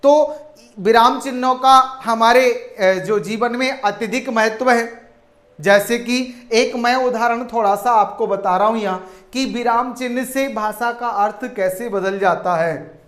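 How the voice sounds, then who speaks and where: A male teacher delivers an online grammar lesson at an unhurried pace. He keeps calling his viewers friends and answers his own questions. The voice sits in a noticeably echoey room. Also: very high-pitched, fairly bright tone.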